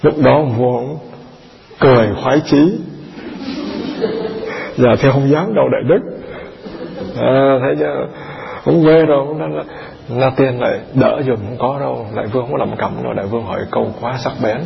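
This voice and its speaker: A man's voice: medium pitch, steady tone, brisk, creaky, crowd noise. A man, a Buddhist monk giving a chatty dharma talk and quizzing his live audience. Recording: echoey hall, dull lo-fi sound.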